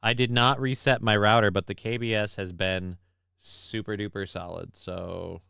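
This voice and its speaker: With a lowish, steady, creaky voice that is bright, forceful and smooth, a man runs a casual home live stream at normal speed on a desk mic. The recording is dry and studio-clean, and he delivers crude jokes and viewer comments with mock-grand war-speech pomp.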